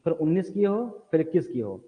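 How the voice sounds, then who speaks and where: A man with a high-pitched voice leads an exam coaching class, firing short repeated questions and answering them himself. He keeps telling the students what to write down. The sound is thin and phone-like, with a long hall reverb. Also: big pitch swings, fast. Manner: repetitive question-and-answer drilling; directs students to write notes. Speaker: teacher.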